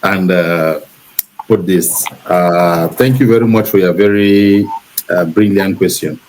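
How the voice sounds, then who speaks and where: A man from Cameroon hosting a talk show discussion, speaking in a measured, preachy way and repeating points for emphasis. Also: deep voice, darkish tone, a little hiss or hum, low-quality recording.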